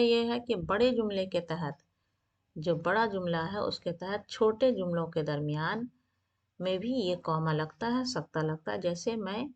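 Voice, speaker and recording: Slow, patient woman teaching grammar. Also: medium pitch. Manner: patient, repeats and rephrases points for students. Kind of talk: grammar lesson explanation.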